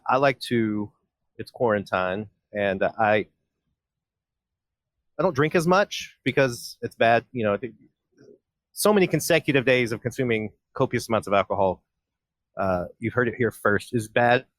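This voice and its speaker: A man hosting a casual podcast chat, making relaxed, wry asides. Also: mid-range voice, normal speed, pauses often, no room sound. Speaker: podcast host.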